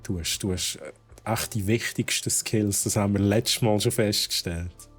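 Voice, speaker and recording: Soft music plays as a man with a Swiss German accent streams a game in relaxed let's-play style, reasoning aloud and dropping English exclamations. He sounds fairly low, slightly rough and unhurried.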